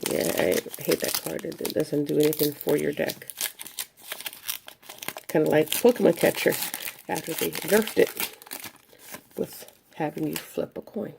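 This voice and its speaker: A woman giving casual commentary as she opens trading card packs, listing each card one by one in an unhurried way. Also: low voice, fairly even intonation, creaky, background noise. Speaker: card collector opening packs. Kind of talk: casual pack-opening commentary.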